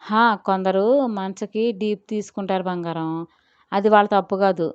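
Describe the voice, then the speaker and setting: A woman voicing a playful young man who sweet-talks and teases his girlfriend over the phone, in a smooth, clear voice. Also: medium pitch, fairly even intonation, moderate pace, a little mellow, no echo, dull audio, lightly acted. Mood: teasing, doting. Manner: teasing, sweet-talking. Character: playful doting young male lover.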